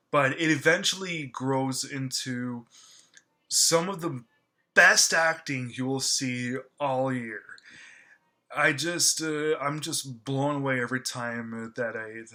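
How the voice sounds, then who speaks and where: Sharp-toned and mid-pitched, this man casually reviews a film, full of gushing enthusiasm. His delivery is halting and stammering, packed with fillers and false starts.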